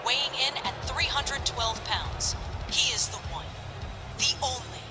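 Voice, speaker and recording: Female wrestling ring announcer over loud music. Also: sits high. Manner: measured, drawn-out introductions in short phrases.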